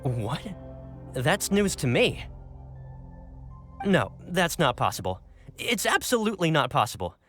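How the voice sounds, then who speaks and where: A man's voice: on the high side, huge pitch swings, measured pace, pauses often, a bit bright, exaggerated voice. An actor playing an earnest, deferential young man in an anime video game, fretful, pleading and insistent. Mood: flustered denial. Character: earnest, anxious, deferential young male underling. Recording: background music behind the voice.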